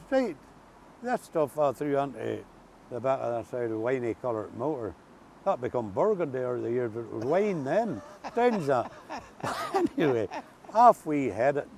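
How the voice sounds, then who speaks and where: Older man, rural Ulster accent, mid-pitched voice, casual storytelling, outdoor recording, faint background noise. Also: very animated, normal speed, vocal fry, a little mellow. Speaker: interview guest.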